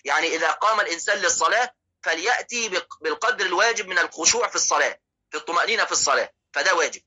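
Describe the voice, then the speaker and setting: Rapid, sharp-voiced Egyptian teacher. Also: male voice, high-pitched, lively intonation, rough recording. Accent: Egyptian Arabic. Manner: explanatory, poses rhetorical questions and checks in with listeners. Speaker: religious teacher. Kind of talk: religious lesson explaining hadith.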